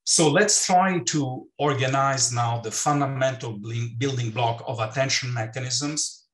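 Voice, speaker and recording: An older man giving a keynote lecture over slides on a video call, talking in halting phrases with many restarts and fillers. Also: medium pitch, fairly bright tone. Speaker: keynote speaker. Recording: roomy, distant mic.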